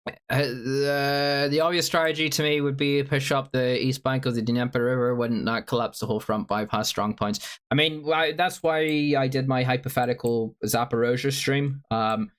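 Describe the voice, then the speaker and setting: A man's voice: mid-range voice, steady tone, normal speed, clean tone. A man with a sore throat, livestreaming casual commentary and reading out viewer chat in a rambling, filler-heavy way. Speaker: stream host.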